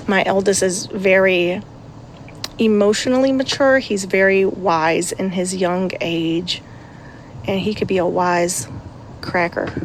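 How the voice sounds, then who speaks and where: A woman in her thirties chats casually to her vlog audience at an unhurried pace. She laughs often and slips in sarcastic asides. Faint background noise sits under her voice. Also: mid-range voice, steady tone. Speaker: vlogger and mother. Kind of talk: casual chat.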